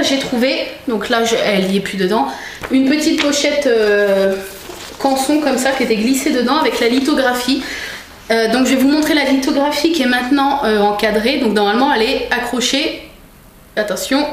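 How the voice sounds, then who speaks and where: A young woman chatting casually in a vlog, showing things to the camera with many fillers and restarts. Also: on the high side. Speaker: vlogger. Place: room at home. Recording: echoey room with faint noise.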